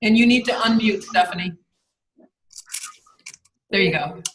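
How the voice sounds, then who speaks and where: A woman leading a workshop over a video call, brisk and friendly, moving the group along. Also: mid-range voice, background noise. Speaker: workshop facilitator.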